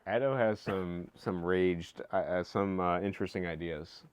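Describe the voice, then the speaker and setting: A young man with a very low voice talks into a dry, close streaming mic. He rambles through casual stories, laughs easily and swears freely. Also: moderate pace, smooth, no room sound. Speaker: streamer host. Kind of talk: casual chat.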